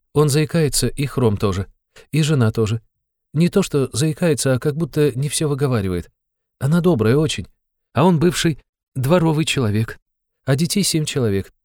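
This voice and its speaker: A man's voice: mid-range voice, darkish tone, no room sound, voice pushed up, lightly acted. A man voicing a frightened, timid young woman who speaks in a plaintive, trembling way. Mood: earnest.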